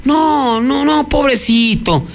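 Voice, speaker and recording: Man putting on a frail old grandmother, eighties, tearful, pleading, high thin voice. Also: slow, creaky, a little hiss or hum, exaggerated voice. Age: 80s. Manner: weepy, pleading.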